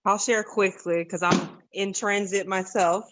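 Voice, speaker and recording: A woman's voice: mid-range voice, steady tone, unhurried, background noise. A young woman, out of breath, sharing a long-winded, earnest and enthusiastic testimonial on a video call. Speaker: program participant.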